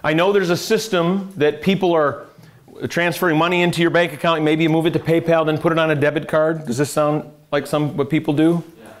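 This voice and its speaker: Speaking a little fast with a flat delivery and a fairly high pitch, a middle-aged financial adviser from the United States lectures a live class. His manner is conversational as he questions attendees and slips in dry sarcasm.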